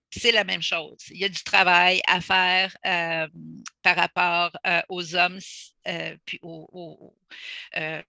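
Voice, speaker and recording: A woman takes part in a panel discussion over a video call. She speaks slowly and deliberately, stopping to find her words. Her voice is very bright and gravelly, and the sound is dry and close. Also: fairly low pitch, no room sound. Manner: measured, thoughtful, pauses to search for words.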